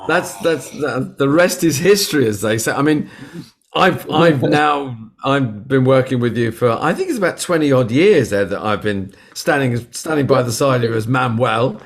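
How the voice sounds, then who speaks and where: Halting male interviewer. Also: mid-range voice, lively intonation. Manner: halting, repeating words. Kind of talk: casual interview.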